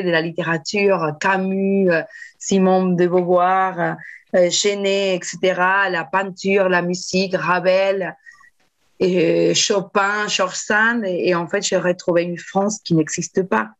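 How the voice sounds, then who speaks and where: A woman novelist talking in a casual interview, animated and digressive, with frequent restarts and fillers. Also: mid-range voice. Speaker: novelist guest.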